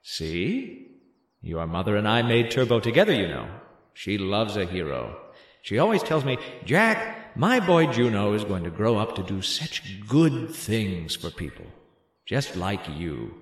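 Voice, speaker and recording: Oily manipulator soothing a child, audio drama, unhurried, swooping low-set voice, coaxing question tags, roomy echo. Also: male voice, very animated. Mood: coaxing, scheming. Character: Jack Takano, smooth manipulative man soothing a child. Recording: roomy, echoing sound.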